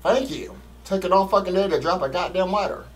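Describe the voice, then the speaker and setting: A game streamer plays a horror game and gripes at it bluntly in casual, slangy, profane commentary. He talks fairly quickly and is recorded from a distance, swinging between muttering and loud, high-pitched exclamations.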